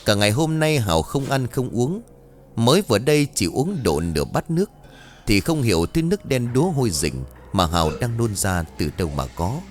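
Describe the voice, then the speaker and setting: A man narrating a scripted ghost story in a dramatic, expressive way. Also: mid-range voice, normal speed. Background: faint music.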